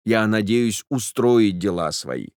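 Male reader doing a tender young suitor, soft, low, slow, solemn, dry sound. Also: lively intonation, dry recording. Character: gentle earnest young man, tender suitor.

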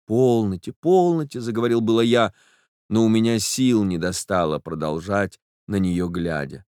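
A man narrating a literary audiobook in an earnest, measured first-person telling. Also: sits low, steady tone, a little mellow, smooth, dry recording, studio quality.

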